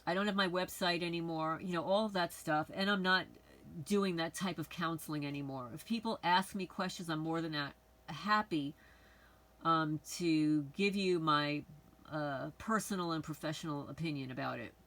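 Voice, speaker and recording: This middle-aged woman from the Bronx, New York, has a deep, fairly bright voice and a moderate pace. As host of her channel, she delivers a rambling, frank, casual monologue to viewers, captured on a low-quality recording.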